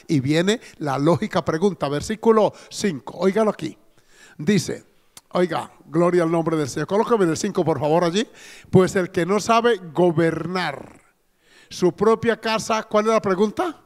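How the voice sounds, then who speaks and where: A man's voice: sits high, in a large hall. A man with a Colombian accent preaching a sermon as pastor. He speaks in a folksy way, puts questions to the congregation and often says "amén" and "gloria al Señor". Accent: Colombian Spanish. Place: church hall.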